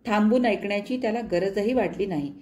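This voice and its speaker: A woman narrating a short story in a measured, expressive storytelling manner. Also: medium pitch.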